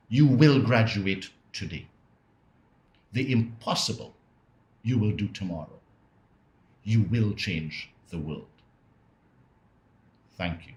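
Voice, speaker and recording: Guy with a lowish voice giving a graduation speech, slow and rhetorical, roomy echo. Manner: measured, rhetorical repetition. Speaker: guest speaker, government minister. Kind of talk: commencement address.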